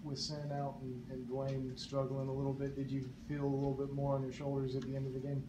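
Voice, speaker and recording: A man's voice: mid-range voice, monotone, a little fast. A man, a reporter, asking hesitant questions at a post-game press conference. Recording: echoey noisy room.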